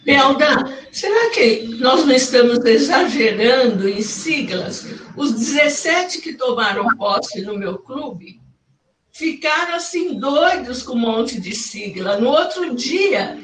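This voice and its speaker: A woman's voice: high-pitched, noisy background. A woman from the audience asks the lecturer a question in a conversational way. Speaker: club member asking a question. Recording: roomy and distant from the mic.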